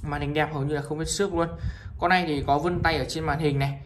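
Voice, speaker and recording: A man with a northern Vietnamese accent gives an informal, repetitive sales pitch as a shop seller, presenting items one by one to viewers. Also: fairly even intonation, fast, a little hiss or hum. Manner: repetitive, item-by-item selling with frequent appeals to viewers.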